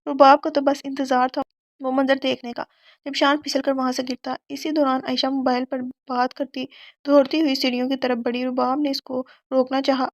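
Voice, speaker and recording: A woman's voice: high voice, flat delivery, no echo. A woman narrating a romance novel for an audiobook, telling the story steadily.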